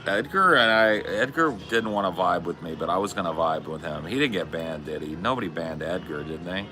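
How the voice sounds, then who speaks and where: A man's voice: deep voice, brisk, background noise. A man in his forties chatting casually on a live stream, laid-back and slangy, swearing often. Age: 40s. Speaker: streamer reading chat.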